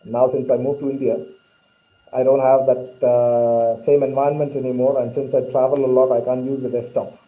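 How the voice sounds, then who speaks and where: A man talking on a video call through his laptop's webcam microphone, hesitant and filling pauses as he hosts the meeting. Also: medium pitch, flat delivery, mellow, poor audio. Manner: hesitant, with many fillers. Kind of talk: casual video-call chat.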